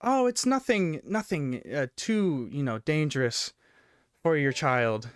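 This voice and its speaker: Man as serpent-cult priestess, raised pitch, soothing, formal, evasive, tabletop fantasy game, music behind. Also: lively intonation, slow pace, clear, resonant tone, no echo, studio quality. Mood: reassuring, evasive.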